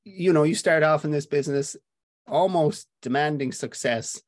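A man's voice: fairly high pitch, normal speed, no room sound. Irish male playwright guest, reflective and musing, dry close mic. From Ireland. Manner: reflective, with frequent fillers and restarts. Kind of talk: conversational interview.

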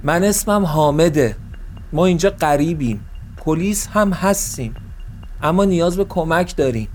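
A man's voice: mid-range voice, mellow, a little hiss or hum, close to an everyday voice. A man playing a stern police colonel. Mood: calm. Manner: measured, firm commands.

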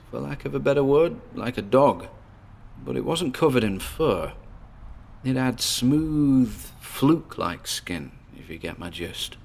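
In this audio drama, an actor plays a paranormal investigator, driven but nervous, who records himself alone and speaks to his listeners in halting, apprehensive bursts. His gravelly voice sits mid-range, and he sounds shaken and awed.

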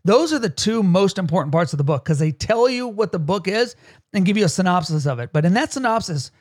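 A man with a notably high voice, chatting on a podcast as a leadership coach. He laughs often and keeps checking in with "right?". The sound is close and dry. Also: expressive, fairly quick, darkish tone, dry recording. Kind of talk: casual podcast chat.

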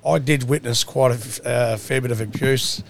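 Male podcast host, broad Australian accent, casual and colloquial, mid-pitched everyday voice. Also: fairly even intonation, normal speed, creaky. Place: mobile podcast setup at an outdoor rally.

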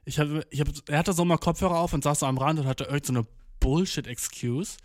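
Young guy rambling a comic story, swears a lot, tosses in english bits, kinda high voice, dry mic. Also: fast talker, no echo. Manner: slangy, swearing, mixes English phrases, acts out quotes. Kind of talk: rambling comedic monologue.

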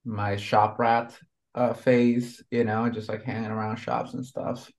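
A man's voice: fairly low pitch, little pitch movement, unhurried, a little mellow. A man in his thirties from Honduras, a tattoo artist chatting casually and rambling with lots of fillers. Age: 30s. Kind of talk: casual conversation.

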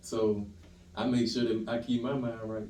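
A laid-back male guest talks calmly in easy slang. His tone is warm and dark. The echoey room and the mic set back give a roomy, distant sound. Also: mid-range voice, moderate pace, slight background noise. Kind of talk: casual interview chat.

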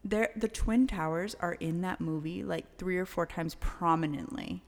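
A woman in her thirties co-hosting a podcast, chatting casually and telling stories in an animated way. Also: lowish voice, moderate pace, in a large hall. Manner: animated storyteller, frequent likes. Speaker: podcast co-host. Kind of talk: casual chat.

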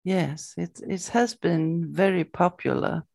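A woman interviewer with a lowish, creaky voice. She talks very slowly and haltingly in a conversational way, breaking her thoughts into short phrases. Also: steady tone, a little mellow, dry recording, clean studio sound. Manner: halting, pausing between phrases. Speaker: interviewer, host.

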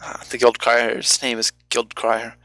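A man's voice: medium pitch, monotone, a little slow, creaky, noisy background. A man hosting a podcast and narrating a guild story as game master, hesitant and full of ums. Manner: hesitant, lots of ums and uhs.

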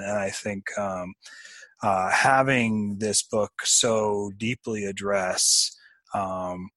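A man co-hosts a book podcast with a somewhat low voice. He speaks haltingly, filling gaps with ums and restarting phrases, then shifts to reading a scripted outro. The sound is close and dry. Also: fairly bright tone, no echo. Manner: halting, many fillers and restarts. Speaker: podcast co-host.

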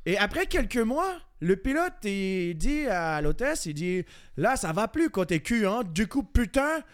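A man's voice: high voice, big pitch swings, measured pace, clear, resonant tone. A man putting on an exaggerated France French accent while telling a joke, stuffing it with stock French slang. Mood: mock-French joking. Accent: put-on France French. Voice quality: overdoes "du coup" and "putain".

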